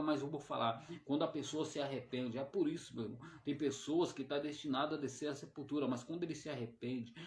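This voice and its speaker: Fiery Brazilian preacher in an echoey room. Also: male voice, medium pitch. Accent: Brazilian Portuguese. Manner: emphatic, swings loud then drops soft on "my brother" tags. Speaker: evangelist preacher. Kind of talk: fiery sermon. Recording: roomy echoey sound.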